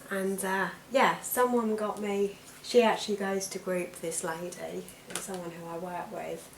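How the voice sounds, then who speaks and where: British woman vlogging casually, croaky from allergies, chatty, echoey room w a bit of background noise. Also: mid-range voice, little pitch movement, a little slow. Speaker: weight loss vlogger. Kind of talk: casual chat to camera.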